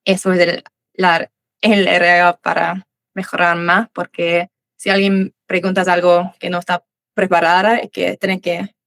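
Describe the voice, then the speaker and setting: This guest, a young Australian English teacher and native English speaker, has a lowish, creaky voice that is flat, a little slow and fairly bright, with no echo. In a casual interview chat she answers in learner Spanish with Uruguayan voseo, full of restarts and fillers.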